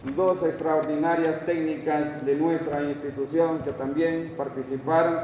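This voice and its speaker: Speaking Spanish with a Honduran accent, an official in his fifties reads out long lists of names and towns from a page at a graduation, slipping in short asides. His slightly high, darkish voice is unhurried and level. The lectern microphone in the large indoor hall records him from afar, leaving the sound echoey with slight background noise.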